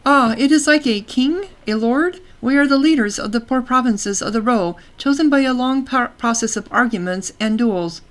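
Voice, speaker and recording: A woman's voice: fairly high pitch, normal speed, few pauses, natural voice. A woman voicing a matronly female ruler of a warrior land, speaking formally and with dignity. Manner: formal, stately speech.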